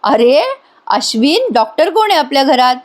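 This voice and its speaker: A woman's voice: sits high, very animated, normal speed. A woman voicing a caring, practical middle-aged mother. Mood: motherly.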